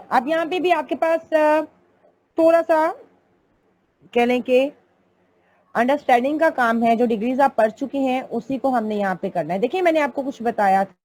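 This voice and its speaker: A woman's voice: high voice, darkish tone. A woman teaching an online English grammar class, explaining patiently step by step and calling her students "beta".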